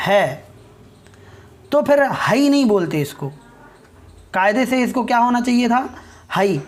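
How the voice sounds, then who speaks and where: Slow, patient Indian woman teaching. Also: a little high, a little mellow. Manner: slow and explanatory, often checks in with listeners; spells out and drawls sounds for demonstration. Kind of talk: lesson on pronunciation.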